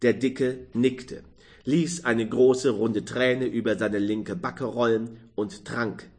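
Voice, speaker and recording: A man narrating a novel with a measured, expressive literary reading. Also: mid-range voice. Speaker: audiobook narrator.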